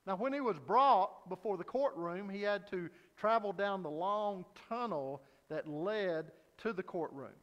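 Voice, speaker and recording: A man's voice: high-pitched, unhurried, hardly any pauses, in a large hall, muffled recording. A man preaching an evening sermon at a pulpit microphone, telling a story earnestly with frequent hesitant fillers. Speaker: pastor.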